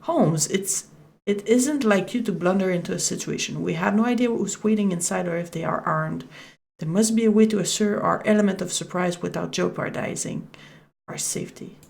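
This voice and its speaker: A cautious Victorian doctor, the detective's loyal companion in a computer game, urges care, voiced by a French Canadian woman reading aloud. The voice is low and has a gravelly, fry-tinged edge. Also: normal speed, a little mellow. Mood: urging. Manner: reading the game's dialogue.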